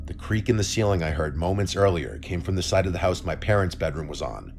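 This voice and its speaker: A man reading a first-person horror story as scripted narration, in a calm, steady telling. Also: deep voice, fast, faint music behind.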